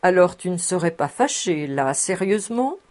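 A woman voicing a bashful, eager middle-aged bachelor who is easily flattered. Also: lowish voice, moderate pace.

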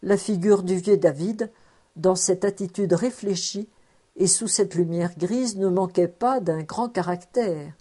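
A woman reading a novel aloud in a calm, measured way. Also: fairly low pitch. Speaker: reader.

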